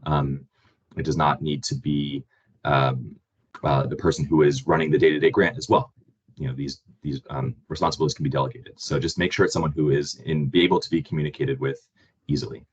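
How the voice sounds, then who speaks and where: Hoarse, very deep-voiced man. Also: flat delivery, dull audio. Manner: plain, halting delivery with frequent ums. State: hoarse from a cold. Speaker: webinar host and grant manager. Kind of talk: online presentation.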